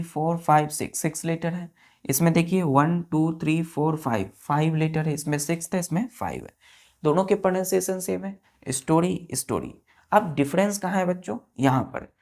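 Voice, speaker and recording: Indian lady teacher, low voice, explains slow and patient, keeps asking if its clear. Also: darkish tone. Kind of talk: classroom vocabulary lesson.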